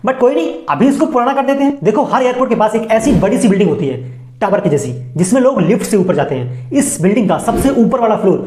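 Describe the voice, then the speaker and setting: Talking fast with lively intonation, this woman has a mellow, higher-pitched voice and an Indian accent, with slight background noise. She narrates a chatty, colloquial explainer video, speaking straight to viewers and tossing in playful asides. The voice-over sounds roomy and echoey.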